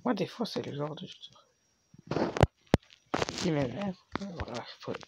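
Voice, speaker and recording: A young man commenting on his game in a sick, cracking voice with plenty of gravelly fry. His pitch moves around in a lively way as he mutters along casually. There is clear noise and clicking in the recording. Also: a little slow. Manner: frustrated swearing, muttering to himself. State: hoarse, cracking voice from being sick. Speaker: gaming video host.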